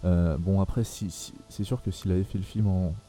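A man's voice: sits low, steady tone, moderate pace, mellow, soft background music. A young man hosting a casual film podcast, talking hesitantly with many fillers and restarts. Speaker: podcast host.

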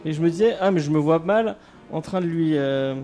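A man's voice: a little high, brisk, dark tone. A man in casual chat, hesitant with many fillers and casual swearing.

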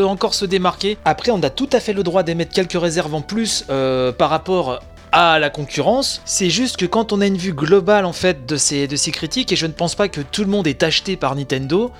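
A man's voice: high voice, moderate pace, fairly bright tone, soft background music. A married man hosting a casual spoken video game press review, chatty and opinionated, with many asides and fillers. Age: adult, married. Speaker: video game news show host.

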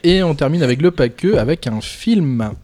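A man's voice: fairly high pitch, lively intonation, moderate pace, darkish tone. A young man hosting a casual podcast, joking and laughing often with his co-hosts. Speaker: podcast host. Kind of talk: casual chat.

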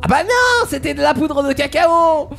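A woman's voice: high voice, lively intonation, moderate pace, creaky, fairly bright tone, soft background music, pitched above the performer's own voice, full character voice. A woman voicing a flustered, cheerful male bartender who talks in a chirpy, fussy way during a live mystery game.

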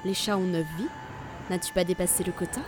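A woman's voice: lowish voice, fairly even intonation, a little fast, background noise, lightly acted. A woman playing a coldly mocking seductress. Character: cruel, mocking seductress who wants her lover dead.

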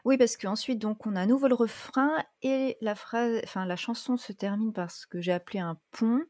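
A woman's voice: on the high side, normal speed, darkish tone, no echo. A woman co-hosting a casual French chat about a song, making critical, pointed remarks. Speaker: podcast co-host.

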